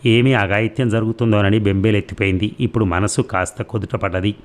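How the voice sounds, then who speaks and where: A man reads a novel aloud in a calm, even manner. His voice is on the low side, and he keeps the story moving at a steady pace. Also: fast talker. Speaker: audiobook narrator. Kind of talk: novel narration.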